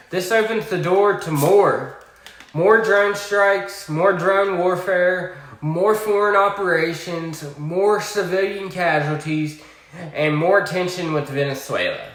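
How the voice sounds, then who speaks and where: A man with a Southern US accent giving a political commentary monologue, deliberate, with sarcastic asides. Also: on the high side, a bit bright, echoey room.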